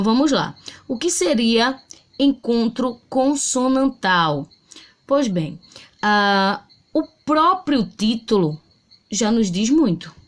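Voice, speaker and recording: Slow, careful teacher woman. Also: on the high side. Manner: slow, careful, explains step by step and sounds out syllables. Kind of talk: home video grammar lesson.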